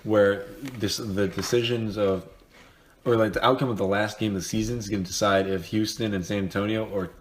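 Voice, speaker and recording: Low-voiced man, sarcastic sports banter. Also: fairly even intonation, fairly quick, slight background noise. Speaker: podcast co-host. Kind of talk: casual sports chat.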